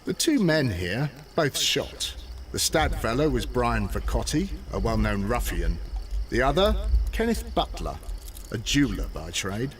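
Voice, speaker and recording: A self-assured constable. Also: male voice, medium pitch, sing-song, measured pace, distant mic, slight background noise. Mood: official. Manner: official and matter-of-fact. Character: dutiful, self-assured London police constable.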